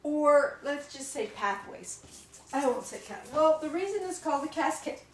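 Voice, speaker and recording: A woman giving a classroom lecture, explaining step by step with many fillers and pauses. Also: high-pitched, expressive, echoey room, rough recording.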